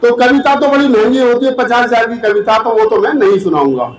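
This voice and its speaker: A man giving a fiery political rally speech into a stage microphone, often shouting to the gathered crowd. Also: very high-pitched, a little fast, echoey room. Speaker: political speaker.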